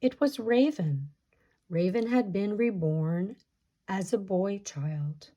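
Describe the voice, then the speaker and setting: A woman reads a children's folktale aloud as a storyteller. Her voice is fairly low and soft-edged in tone, and she takes her time over each phrase, with a measured delivery meant for listeners. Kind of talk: reading a picture-book folktale aloud.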